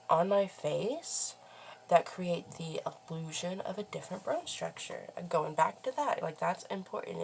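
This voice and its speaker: A woman's voice: fairly low pitch, creaky, a little hiss or hum. A woman talking casually through a makeup tutorial in a rambling, self-deprecating, sweary way. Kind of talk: casual chatty tutorial talk while applying makeup.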